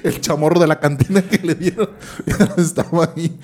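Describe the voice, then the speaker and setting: Laughing Mexican man with a mellow voice. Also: fairly high pitch, steady tone, normal speed. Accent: Mexican Spanish. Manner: laughs often, slangy and profane. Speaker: podcast co-host. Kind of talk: crude casual banter.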